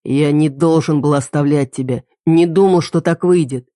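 A woman voicing a dangerous but remorseful young man in an audiobook, speaking low and soft. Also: normal speed, dry recording, studio quality, close to an everyday voice.

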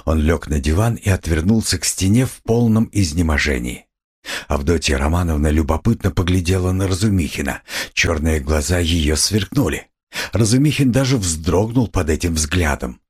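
A man reading a classic novel aloud as an audiobook narrator, in measured storytelling. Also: low-pitched, a little mellow, husky. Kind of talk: scripted narration.

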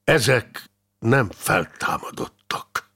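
A man's voice: mid-range voice, expressive, creaky, fairly bright tone, breathy edge, full character voice. Man doing a hard, angry knight. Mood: cold. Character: hard-bitten male knight, angry, then cold.

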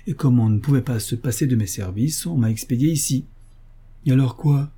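A man reading an audiobook, voicing an excited, talkative young man of seventeen. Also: medium pitch, brisk, breathy edge. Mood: enthusiastic.

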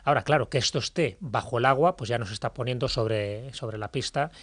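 Man, podcast panellist, medium pitch, dry close sound, discursive, emphatic, informal expert talk. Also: a little fast, fairly bright tone, no room sound. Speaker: panellist on a history and mysteries podcast.

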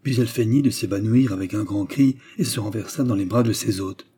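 A man narrates a classic novel in a measured, steady audiobook reading. His voice sits low and dark, with a husky, breathy grain.

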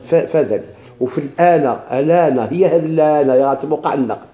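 Quick Moroccan man teaching, dark voice. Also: on the high side. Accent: Moroccan Arabic. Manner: asks the class questions and answers them himself; repeats words slowly, with many restarts. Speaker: teacher of Quran recitation. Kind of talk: classroom lesson explaining a text.

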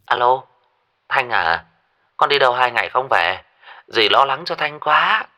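A man's voice: mid-range voice, expressive, rapid-fire, bright, forceful tone. A man voicing a frantic middle-aged stepmother on the phone who stammers and repeats herself. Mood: worried. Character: panicked older stepmother woman on phone.

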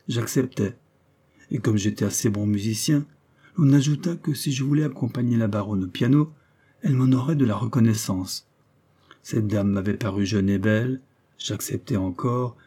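Low, husky male storyteller. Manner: voices characters with shifts in pitch and loudness. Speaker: narrator. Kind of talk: audiobook reading of a classic story.

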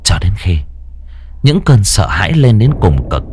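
A man's voice: lowish voice, a little hiss or hum. A man narrating a horror audiobook, drawing out words to build suspense. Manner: expressive, drawn-out for suspense. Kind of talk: dramatic horror story narration.

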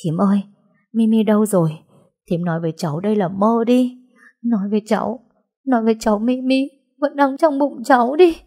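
A woman's voice: on the low side, normal speed, pauses often, warm tone, husky. A woman voicing a grief-stricken young mother in an audiobook, crying out and pleading. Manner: screaming, sobbing pleas. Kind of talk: audiobook dialogue.

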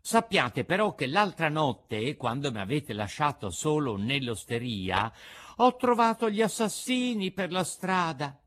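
Excitable wooden puppet boy, gushing and breathless, a man doing him, storybook reading, lively swoops. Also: on the high side, measured pace, pitched above the performer's own voice. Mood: eager.

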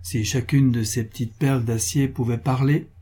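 A man reading aloud, voicing a warm, affectionate young wife with a gushing, lively manner. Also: medium pitch, normal speed, slightly rough, close to an everyday voice. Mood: eager.

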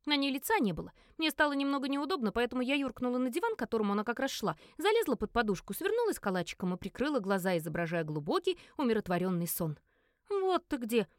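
A woman reading a first-person novel aloud in an animated, wry storytelling manner. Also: fairly high pitch, fast talker, hardly any pauses, no room sound, clean studio sound. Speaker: audiobook reader.

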